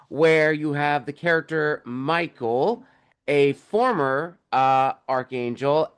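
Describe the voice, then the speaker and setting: A young man speaks as an author guest on a video call, eager and chatty as he walks through his work. His voice is smooth and clear, pitched a little high for a man. He rambles a bit, with fillers and restarts along the way. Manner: enthusiastic, explains at length with fillers. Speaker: author and podcast host, guest here. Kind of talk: casual interview talk.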